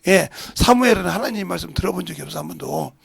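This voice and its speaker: A middle-aged Korean pastor with a Jeolla accent, preaching a sermon and breaking into loud acted-out lines. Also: male voice, high-pitched, animated, quick pace, no echo, clean studio sound. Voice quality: gravelly. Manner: preaching with sudden shouts and acted-out dialogue.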